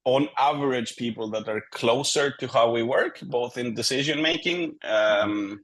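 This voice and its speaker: Guesting on a business interview, a consultant from Greece talks in a conversational, candid and measured manner, working through his points one by one. He has a mid-range voice with a fairly bright tone.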